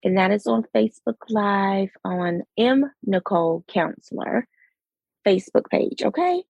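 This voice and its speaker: Woman podcast host, raspy and unhurried, gravelly, close dry mic. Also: mid-range voice, lively intonation, darkish tone, dry recording, highs cut off. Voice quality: raspy late-night voice. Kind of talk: casual podcast chat.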